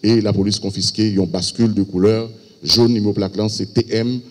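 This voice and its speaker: A man with a Haitian accent, a police spokesperson giving a press briefing, reading out a list of cases in a halting way. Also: fairly low pitch, fairly even intonation. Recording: echoey hall with long reverb.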